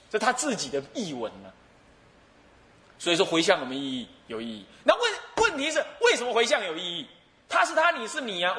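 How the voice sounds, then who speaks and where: A Buddhist abbot preaches in a high, bright voice that rises and falls with great life. He tells stories with humor, chuckles often, and acts out the people he quotes. The sound rings in an echoey hall. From Taiwan. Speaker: Buddhist abbot teaching a sutra. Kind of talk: sermon lecture with storytelling.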